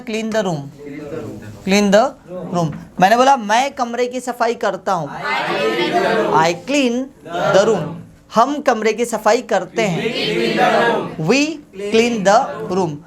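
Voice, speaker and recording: Slow, drilling woman teacher in a classroom. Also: fairly high pitch. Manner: slow, repeating each sentence for the class to echo; scolds pupils fondly as kids. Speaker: English teacher. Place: classroom full of students. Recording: classroom with a loud chorus of students. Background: students chanting answers.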